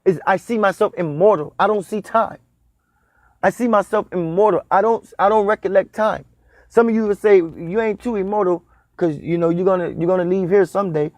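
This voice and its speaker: A man's voice: high voice, a little fast, a little mellow, dry recording, clean studio sound. A man in his thirties giving a spiritual talk on dream meanings, repeating and stressing his points like a preacher. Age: 30s. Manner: repetitive, emphatic, preacher-like cadence. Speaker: spiritual teacher.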